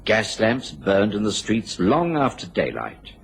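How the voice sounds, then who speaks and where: An actor playing a courteous, earnest doctor who serves as narrator in a radio drama. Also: male voice, lowish voice, wildly swooping pitch, measured pace, gravelly, a little hiss or hum, full character voice. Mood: measured storytelling.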